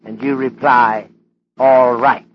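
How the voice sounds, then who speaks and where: An actor playing a courteous, stern Chinese police detective in an old radio drama, speaking in deliberate, ornate English with articles dropped. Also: male voice, medium pitch, flat delivery, a little hiss or hum, lightly acted. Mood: chiding. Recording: dull lo-fi old radio recording.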